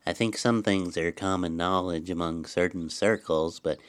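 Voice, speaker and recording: A man's voice: deep voice, steady tone, moderate pace, smooth, close to an everyday voice. A man playing an earnest, self-taught male inventor sidekick who talks in a precise, slightly stiff way.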